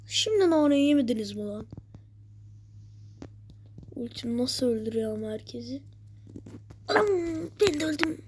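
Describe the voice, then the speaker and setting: Excitable woman narrating her gameplay. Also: a little high, moderate pace, pauses often, husky. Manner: excitable, switching between shouts and whispers. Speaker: gaming streamer. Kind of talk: live gameplay commentary.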